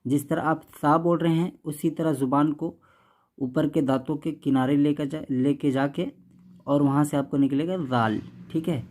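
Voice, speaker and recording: A man's voice: a little high, fairly even intonation, a little mellow. Patient man drilling letter sounds. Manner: patient, repeats each sound, keeps asking "okay?"; drawn-out sounds, contrasting thin and thick letters. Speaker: Quran reading teacher. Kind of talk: teaching letter pronunciation.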